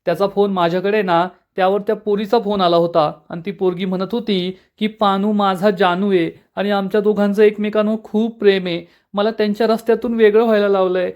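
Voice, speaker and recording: A man's voice: high voice, flat delivery, brisk, few pauses, a little mellow, lightly acted. A man reading the lines of a tearful, melodramatic young wife in a serial recap.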